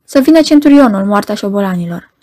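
A woman reading a cold monotone Roman governor. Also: mid-range voice, natural voice. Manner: flat monotone, never raising the voice. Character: cold ailing Roman procurator, stern middle-aged man.

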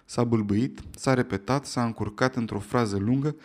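A man narrates an audiobook at a middle pitch. His storytelling is steady and even. He keeps the telling calm through the story.

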